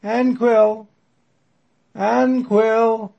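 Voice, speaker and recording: Bossy old woman medium, loud and high, drawn-out calls, husky edge, voiced by a male storyteller. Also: lively intonation, dull audio. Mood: calling out. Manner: commanding, calls out long drawn-out.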